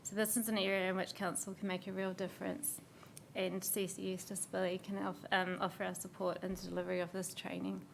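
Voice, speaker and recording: Hoarse New woman, gravelly and even-toned, presenting a formal council submission. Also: mid-range voice, slight background noise. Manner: steady, measured reading with small slips and fillers. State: hoarse, losing her voice.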